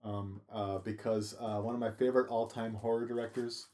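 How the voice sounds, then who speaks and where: A man co-hosting a casual chat, talking haltingly with many fillers and restarts. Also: lowish voice, flat delivery, a little mellow. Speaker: podcast co-host.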